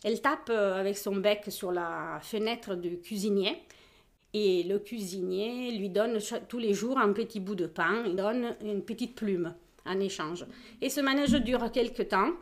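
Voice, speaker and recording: A woman's voice: mid-range voice, a little slow. A woman telling a folk tale aloud in a casual, hesitant way, with many fillers and acted-out voices. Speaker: storyteller.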